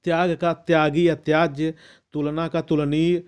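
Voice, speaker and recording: A man reading out a long list of word pairs as a lesson, measured and methodical, with the odd restart. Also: fairly high pitch, little pitch movement, a little mellow, clean tone. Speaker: teacher reading a Hindi vocabulary list. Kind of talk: slow recitation of word pairs.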